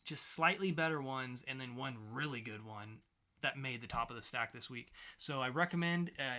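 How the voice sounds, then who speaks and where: A podcast co-host chats casually and enthusiastically about the comic books he reviews, repeating phrases for emphasis. His voice is fairly high and bright, with a forceful tone.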